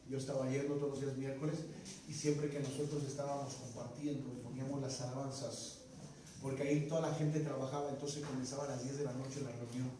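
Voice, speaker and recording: A man preaching a sermon, telling stories with animated energy and often asking the congregation questions, with shouts at the peaks. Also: medium pitch. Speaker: pastor. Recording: echoey hall, distant mic, noisy.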